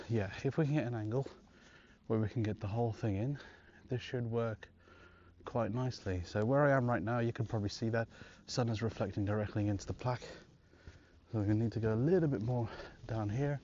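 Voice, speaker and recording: A man's voice: mid-range voice, dark tone, dull audio, slight background noise. A man vlogging outdoors on a walk, talking casually and rambling with restarts and laughs, recorded on a clip-on wireless mic. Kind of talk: casual walking vlog.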